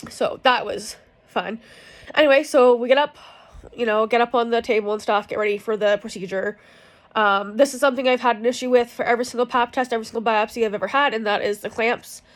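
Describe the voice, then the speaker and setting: A young woman vlogger, in pain from cramps, tells a personal story in a casual, rambling way, frank and full of fillers and swearing. Her voice is on the high side, quick, with fairly even intonation.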